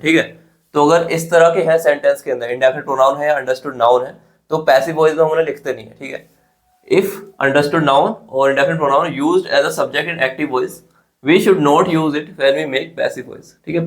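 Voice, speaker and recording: An Indian man teaching an exam-prep English grammar lesson, explaining step by step and often checking in with his students. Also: medium pitch. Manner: explains step by step, often asks "theek hai?".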